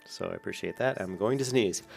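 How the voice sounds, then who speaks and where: Male gaming host at home, low gravelly voice, chatty and self-correcting. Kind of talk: casual gameplay commentary. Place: home room at a large desk. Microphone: desk mic.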